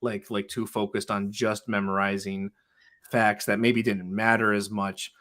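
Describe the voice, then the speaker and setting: A public school teacher speaks earnestly in a casual interview, often restarting sentences with "you know." His voice is lowish and fairly bright, delivered flatly at a measured pace.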